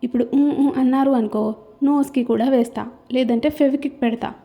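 A woman's voice: sits high, steady tone, brisk, mellow. A woman voicing a bossy, cheeky young woman who gives commands and scolds in a storybook reading. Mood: scolding.

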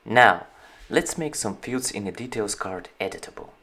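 This is a male founder presenting his company's product over a screen recording. In a lowish voice at normal speed, he gives a steady, explanatory walkthrough of the software.

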